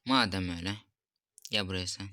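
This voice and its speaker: A young man streams himself playing a mobile cooking game in casual commentary, muttering, reading recipe steps aloud, and growing frustrated with the game. His voice sits low and moves fairly quickly, with a bright, forceful tone.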